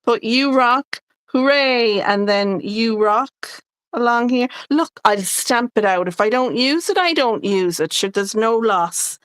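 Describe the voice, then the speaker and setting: A woman's voice: fairly high pitch, animated, measured pace, a bit bright, clean tone, no echo. A woman co-hosting a crafting livestream, talking casually through each step as she works. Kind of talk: casual chat while crafting live.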